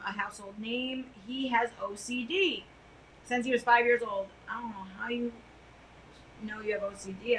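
A middle-aged woman co-hosts a casual podcast from a couch, talking loudly and emphatically. Her voice is bright and a touch high. A faint hiss of room noise sits under it. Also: low-quality recording. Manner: loud, chatty and emphatic. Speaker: podcast co-host. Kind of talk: casual chat.

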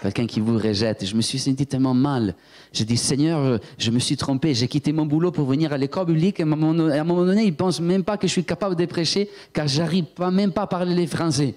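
Man, preacher, sermon, lively storyteller, talks straight to the congregation. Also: fairly high pitch, fast talker. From Italy. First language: Italian. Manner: animated storyteller, acts out voices, talks to the congregation. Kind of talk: sermon with personal testimony.

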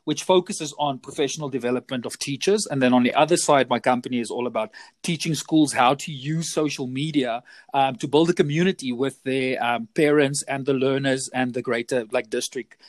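This South African man, a teacher trainer who grew up speaking Afrikaans, talks in a mid-range voice at a fairly quick clip on a dry recording. As a podcast guest in a relaxed interview, he's conversational and frequently repeats words while restarting his sentences.

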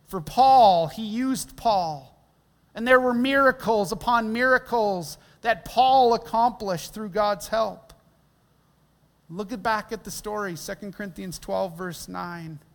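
A man preaching a sermon as pastor, animated, acting out heartfelt prayers. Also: sits high, slow. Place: church sanctuary. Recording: long reverb of a large hall.

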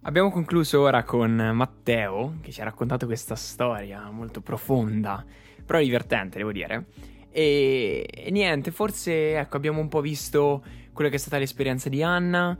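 Male host, mid pitch, halting with fillers, faint music underneath. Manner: hesitant, filler-heavy links. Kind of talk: casual radio-style hosting.

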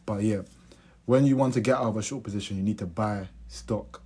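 Young man, London roadman accent and slang, podcast host, casual chat, lowish husky voice. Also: brisk, a little mellow. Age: young adult.

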